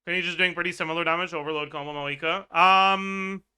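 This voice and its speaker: A man's voice: sits high, fairly even intonation, fast, sharp tone, smooth. A man streaming a game, chatting casually and thinking aloud, swearing and laughing as he works through numbers. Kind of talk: livestream game chat.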